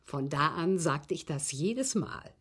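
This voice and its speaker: In a German radio drama, an actress plays a well-bred, abused woman confessing a poisoning to the police, her husky, breathy voice phrasing each word deliberately and emphatically. Her voice sits low with lively intonation, and the performance is heavily acted, bitter and precise.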